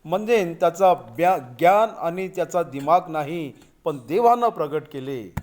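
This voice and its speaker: A man with a high voice delivers a Bible commentary sermon at an unhurried pace. He explains each verse deliberately, sometimes restarting a word, and speaks to his listeners as brothers and sisters. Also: expressive, darkish tone.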